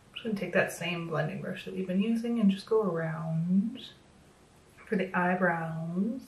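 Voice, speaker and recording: At a normal speed and a fairly low, slightly mellow pitch, a woman in her thirties casually narrates a makeup tutorial from home. Her voice is a bit worn since she's slightly losing it, and she fills her chatter with fillers and self-deprecation. The small room adds a roomy echo, and she's a bit far from the microphone.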